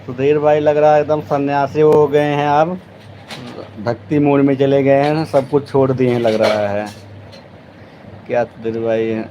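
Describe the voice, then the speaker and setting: A man's voice: medium pitch, flat delivery, unhurried, dark tone, slight background noise, poor audio. A man hosting a casual live stream, teasing and bantering with viewers as he responds to their comments. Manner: teasing, playful banter, addressing viewers directly.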